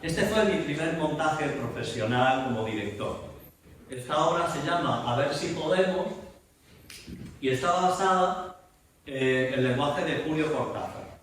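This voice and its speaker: A man from Spain, a theater director giving a masterclass, explaining spoken verse and breaking into animated recitation. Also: medium pitch, slight background noise. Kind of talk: lecture in a masterclass. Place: large echoey room. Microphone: distant room mic. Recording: echoey room from far off.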